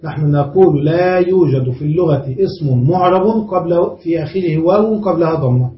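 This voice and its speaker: Speaking at a normal speed in a voice on the high side, a man leads a classroom grammar lesson. He breaks things down step by step and keeps checking whether students follow. It's captured as a roomy, distant, dull lo-fi recording with faint noise.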